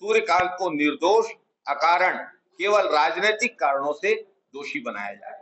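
A middle-aged man giving a formal political statement at a press conference in a small office, measured and emphatic, repeating key words for stress. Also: on the high side, expressive, bright, forceful tone, rough recording. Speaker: Congress party spokesman at a press conference. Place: small office room, indoors. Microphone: clip-on lapel mic, table of press mics.

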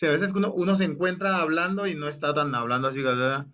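This lo-fi clip has a man with a fairly high, steady, fairly bright voice speaking quickly. Leading an online choir rehearsal by video call, he lays out the exercise and then demonstrates it by half-singing the phrases.

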